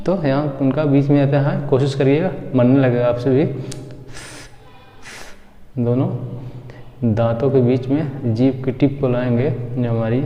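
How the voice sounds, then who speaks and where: A man's voice: medium pitch, lo-fi sound, slight background noise. A man teaching a pronunciation lesson, repeating each example word several times. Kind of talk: phonetics lesson. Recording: echoey room with long reverb.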